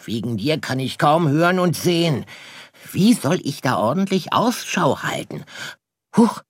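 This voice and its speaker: A man's voice: a little high, big pitch swings, measured pace, husky, no echo, studio quality, heavily acted. Jumpy storybook bunny, played by a man, whiny and fretful, drawn out. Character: nervous watchful young male rabbit. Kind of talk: audiobook reading.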